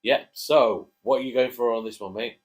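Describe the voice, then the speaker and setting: A man's voice: mid-range voice, normal speed. A man co-hosting a casual chat, jokey and chatty, prompting his co-host to speak. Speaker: co-host, father.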